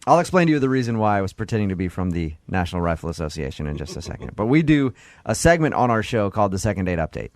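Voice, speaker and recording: Fast-talking male radio host. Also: fairly low pitch, sing-song, a little mellow, no echo. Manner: fast, playful, teasing questions. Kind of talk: prank phone call on morning radio. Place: radio studio.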